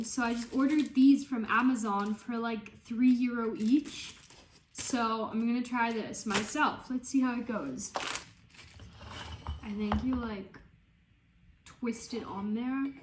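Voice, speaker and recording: Step by step, a young woman chats her way through a home baking recipe in her kitchen, relaxed and explaining as she goes. Her voice is a little high and a little slow, and the reverberant recording carries a bit of hiss or hum.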